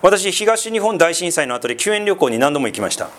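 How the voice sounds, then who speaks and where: A man's voice: sits high, sing-song, brisk, fairly bright tone. A man from northeastern Japan, a pastor, giving a chatty, conversational sermon full of asides and tag questions. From Sendai, northeastern Japan.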